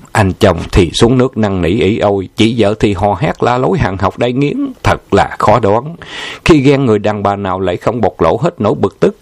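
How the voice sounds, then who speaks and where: A man calmly reading a memoir aloud in a descriptive storytelling manner. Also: fairly low pitch, no echo. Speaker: narrator.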